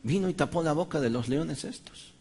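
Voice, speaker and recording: A man's voice: on the high side, expressive, fairly quick, darkish tone, breathy edge. A man preaching a sermon, emphatic and dramatizing Bible stories.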